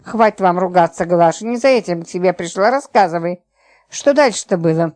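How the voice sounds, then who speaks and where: A timid, naive young wife , voiced by a woman reader. She speaks low and soft, clearly below the narrator's own voice. It is read like a storybook part. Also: a little fast, close to an everyday voice. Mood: cross.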